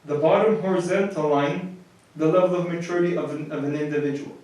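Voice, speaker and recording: A priest with a fairly high voice gives a marriage lecture in a plain, conversational way, restarting and repeating words as he goes. He is heard from well off the mic, and his voice bounces around a very echoey room. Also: steady tone, fast, darkish tone, distant mic. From United States.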